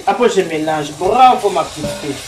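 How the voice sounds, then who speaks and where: An older woman hosting a home cooking show and giving marriage advice, with a teasing, animated way of talking. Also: fairly low pitch, fairly quick, music in the background. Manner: chatty, teasing, animated storytelling. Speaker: host, grandmother. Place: home kitchen. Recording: echoey room, voice from far off, faint noise.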